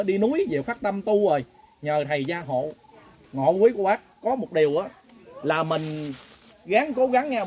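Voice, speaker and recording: A man with a Southern Vietnamese accent leading a pilgrim group, telling a folksy, earnest story-sermon and often turning to his listeners. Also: high-pitched. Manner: folksy, earnest, keeps addressing listeners directly. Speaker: pilgrimage group leader and lay preacher.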